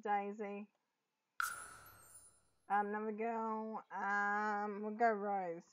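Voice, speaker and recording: Slow, excitable young woman gamer. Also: medium pitch, background noise. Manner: excitable, gasping exclamations. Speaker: gaming YouTuber. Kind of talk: casual game commentary. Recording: dull lo-fi audio with game music. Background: game music.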